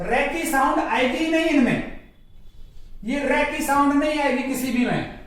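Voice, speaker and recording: Man, pronunciation lesson, spells out and repeats words, corrects mistakes, slow delivery, distant mic. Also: very high-pitched, a bit bright. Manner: spells words letter by letter and repeats them as a drill; corrective, contrasts wrong and right forms. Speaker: English pronunciation teacher. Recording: very echoey room, distant mic.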